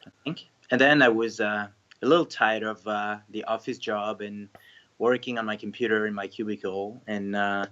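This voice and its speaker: A man's voice: on the low side, fairly even intonation, moderate pace, bright, forceful tone, highs cut off. A man in his thirties from France, a restaurant owner talking casually in an interview, hesitant with many fillers and restarts.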